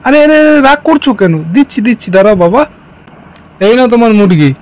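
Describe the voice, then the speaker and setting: A man's voice: very high-pitched, animated, fast, a little mellow, low-quality recording. A man voicing a bantering village chicken seller in a doll-story cartoon, who teases his customer. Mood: teasing.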